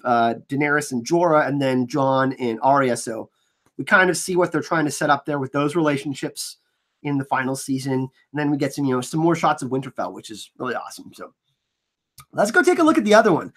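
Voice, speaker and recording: A man with a fairly high-pitched voice runs a fan channel and breaks down trailers in casual commentary. He's an excitable, enthusiastic fan, and allergies leave his voice slightly scratchy.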